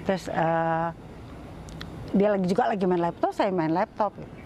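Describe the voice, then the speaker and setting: A woman's voice: lowish voice, moderate pace, darkish tone, slight background noise. Chatty middle-aged woman telling her story. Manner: chatty, many fillers and restarts, re-enacts dialogue. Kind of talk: casual personal storytelling.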